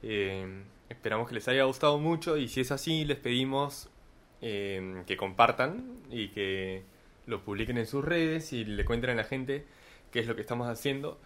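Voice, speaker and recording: A man's voice: mid-range voice, moderate pace, fairly bright tone. Laid-back, slangy male podcast host. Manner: loose, slangy, keeps asking "¿me entiendes?". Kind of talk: casual conversation.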